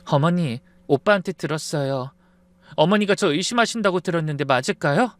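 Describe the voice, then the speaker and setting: A man voicing an evasive, polite young fiancée who talks softly and apologetically in a story. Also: high voice, very animated, moderate pace, no room sound, voice pushed up. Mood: earnest. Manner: soft, pleading, apologetic.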